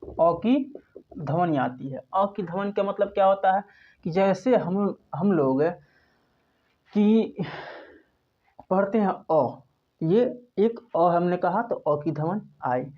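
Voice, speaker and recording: A man's voice: high voice, takes it slowly, pauses often. A male teacher from India speaks, explaining a lesson step by step. He repeats himself patiently and keeps posing questions that he then answers. The recording sounds dull and lo-fi. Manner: patient, repeats points, asks and answers his own questions. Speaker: English teacher. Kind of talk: spoken classroom lesson.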